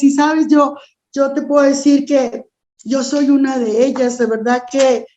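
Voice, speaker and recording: A woman's voice: sits high, a little mellow, muffled recording. A woman preaching a sermon, speaking earnestly and directly to the listener.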